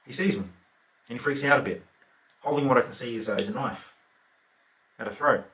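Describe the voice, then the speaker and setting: Remorseless lazy Australian killer, played by a male actor; offhand, laconic delivery with fillers; medium pitch; roomy echo. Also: fairly quick, pushed and bright, distant mic, a little hiss or hum, natural voice. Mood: offhand calm. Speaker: actor performing a monologue. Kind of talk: theatrical monologue.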